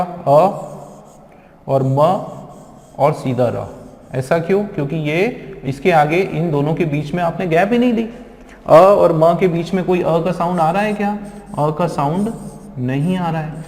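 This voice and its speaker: A man's voice: on the high side, a little mellow. A man teaching a spoken English lesson, explaining step by step and often asking his students questions. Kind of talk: classroom lesson explaining pronunciation. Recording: echoey room with long reverb.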